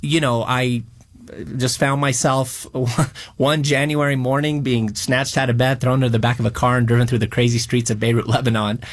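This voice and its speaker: A man's voice: medium pitch, level tone, moderate pace. Man in his forties telling his story. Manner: earnest storytelling with light humor. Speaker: interview guest. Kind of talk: radio interview.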